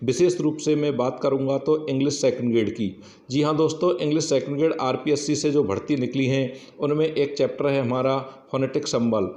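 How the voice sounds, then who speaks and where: A man's voice: mid-range voice, fairly even intonation, a little fast, mellow. Man teaching in an echoey room. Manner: explains step by step, keeps saying "yes, friends". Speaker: English teacher. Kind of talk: exam-prep lesson.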